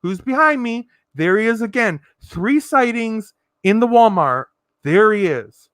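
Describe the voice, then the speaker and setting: A woman's voice: fairly high pitch, expressive, measured pace, no echo, studio quality. A woman vlogger telling stories to the camera in a sassy, dramatic way, laughing often. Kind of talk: chatty storytelling monologue.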